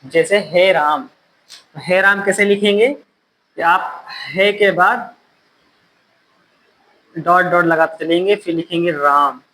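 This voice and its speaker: Male teacher, high voice, very slow, repeats phrases for dictation, classroom. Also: fairly even intonation, bright, forceful tone, poor audio. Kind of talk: classroom lecture.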